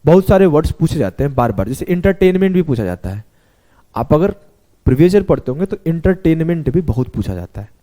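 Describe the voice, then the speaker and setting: A male math teacher with a slightly high, mellow voice that swings widely in pitch. He walks his students through each step in an animated, chatty way, often spelling words out letter by letter. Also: a little fast. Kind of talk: classroom lesson explanation.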